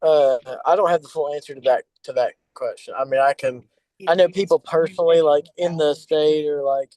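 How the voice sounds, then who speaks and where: Man, podcast co-host, mellow higher voice, hesitant hedging. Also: steady tone, brisk, dry recording, low-quality recording. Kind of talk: casual political chat.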